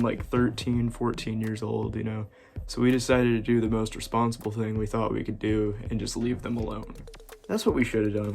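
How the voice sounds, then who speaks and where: A man's voice: mid-range voice, a little mellow. A young man telling a casual storytime in a laid-back way, often laughing between lines. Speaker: vlogger.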